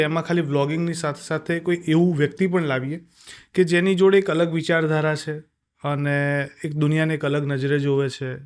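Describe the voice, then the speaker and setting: A man hosts a podcast and opens with a measured, formal introduction of his guest. His voice sits a little high for a man. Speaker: podcast host.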